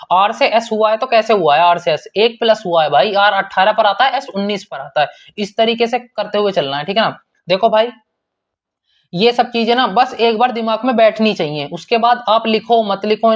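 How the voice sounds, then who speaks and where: A man's voice: high voice, dull audio. A man teaching an online exam-prep lesson in a casual, repetitive way, calling students brother and checking in often.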